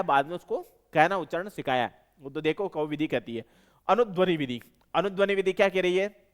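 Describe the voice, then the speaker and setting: A man with a high-sitting, smooth voice and a Rajasthani Hindi accent teaches an exam-prep lesson. He explains step by step, repeats key terms, and corrects himself mid-word.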